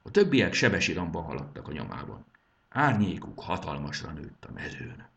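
A man reading a children's adventure story aloud in an expressive, steady manner. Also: rumbling low, creaky, lo-fi sound. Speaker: narrator.

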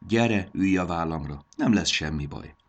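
A man's voice: sits low, lo-fi sound. A man voicing a brave young boy who talks in a reassuring, eager way.

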